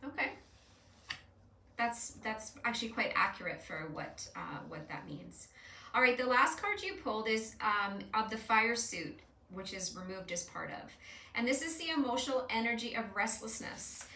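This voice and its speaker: Woman host, chatty and explanatory, bright tone, recorded at a distance in a roomy space. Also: a little high, expressive, normal speed. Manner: chatty, explanatory, with frequent fillers and restarts. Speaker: host doing card readings with an AI. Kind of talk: casual spoken reading. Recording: echoey room, somewhat far from mic.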